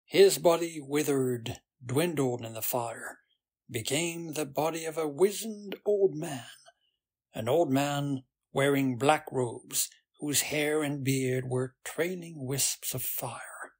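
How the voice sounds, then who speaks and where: A man reading a fantasy novel aloud in a soft, unhurried way, as a bedtime story. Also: on the high side, breathy edge. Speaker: audiobook narrator.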